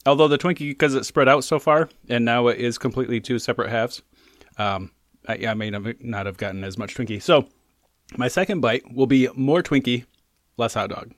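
A man's voice: medium pitch, moderate pace, no echo, studio quality. A man co-hosting a casual food-tasting show, chatting about the taste and sharing trivia between bites. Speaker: co-host.

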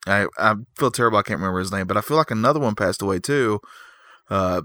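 A man's voice: fairly low pitch, fast, bright, forceful tone, dry recording. A man co-hosting a podcast, chatting casually and hesitantly about wrestling news. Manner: hesitant, searches for words. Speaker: podcast co-host.

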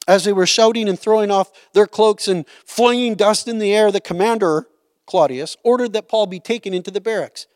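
High-voiced man teaching scripture. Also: no room sound, studio quality. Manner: conversational, checks in with "right?" and "okay?". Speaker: Bible teacher. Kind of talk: Bible study teaching.

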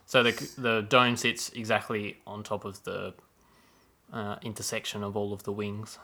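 A man with a low-ish, bright and forceful voice, chatting casually as a podcast host. He rambles, pokes fun at himself and drifts into long explanations. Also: level tone, normal speed. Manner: rambling, self-deprecating, explains history at length. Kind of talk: casual chat.

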